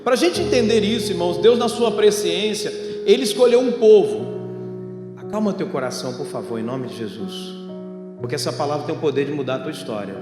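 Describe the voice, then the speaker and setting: Animated and fairly quick, a high-pitched Brazilian preacher teaches an evangelical sermon through stories and Bible readings, asking rhetorical questions and speaking directly to the congregation. He preaches over a sound system in a church hall, where long reverb echoes and music plays underneath.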